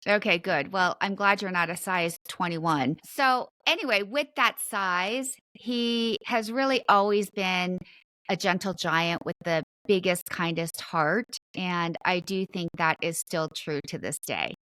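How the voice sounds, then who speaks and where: A woman's voice: fairly low pitch, unhurried, bright, forceful tone, clear, resonant tone, dry recording. A woman in her fifties hosting a podcast, telling family anecdotes in a chatty, casual way with light fillers. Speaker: podcast host. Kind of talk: casual storytelling interview.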